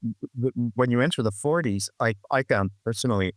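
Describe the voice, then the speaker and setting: A guest musician in his sixties reflects during an interview, rambling and circling back with many restarts and "you know, like" fillers. His pitch is an ordinary middle, he talks a little fast, and the recording is dry and close with no room sound.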